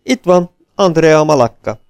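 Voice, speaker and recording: A man's voice: on the high side, expressive, a little mellow, clean tone, dry recording, soft background music, voice pushed up, lightly acted. A man voicing a chatty male flight instructor who rambles in a raised, slightly dismissive tone.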